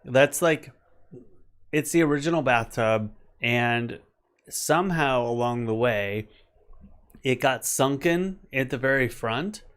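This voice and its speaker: Forties guy rambling on a chill live home chat, regular pitch, chatty. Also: slow, fairly bright tone, clear, resonant tone. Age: 40s. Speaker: co-host.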